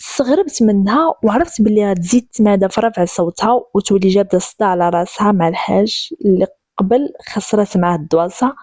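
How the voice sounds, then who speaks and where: A woman with a Moroccan accent narrating a first-person story in a lively way, switching voices for the characters. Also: mid-range voice, fast, no room sound, clean studio sound.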